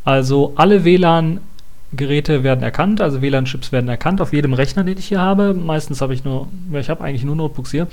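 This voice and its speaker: A man's voice: a little high, quick pace, darkish tone. A man giving a casual spoken review of an operating system release, thinking aloud with many hesitations and restarts. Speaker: tech reviewer.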